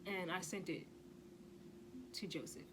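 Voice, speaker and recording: A woman's voice: lowish voice, unhurried, noisy background. Emphatic woman telling a storytime. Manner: emphatic, repeats "okay?" for stress; blunt, swears freely. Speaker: vlogger. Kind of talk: casual storytime vlog.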